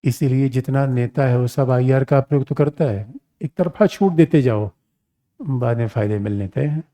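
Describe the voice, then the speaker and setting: A man's voice: medium pitch, normal speed, warm tone. A man teaching an exam-prep lecture on international relations, speaking casually and animatedly, calling his students "my children" and asking them rhetorical questions.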